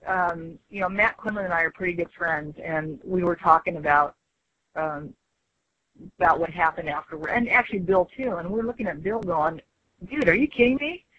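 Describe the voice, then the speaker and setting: A woman in her fifties, a guest on an interview podcast, talking frankly and with lively emphasis in casual conversation. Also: fairly low pitch, moderate pace, muffled recording, slight background noise. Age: 50s. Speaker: interview guest, former reality show contestant.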